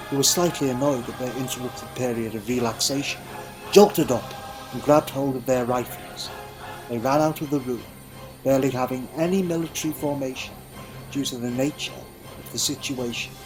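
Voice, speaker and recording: Over clearly audible background music, a male narrator dramatically reads a scripted adventure tale like a storybook. He speaks at medium pitch and normal speed on a rough recording.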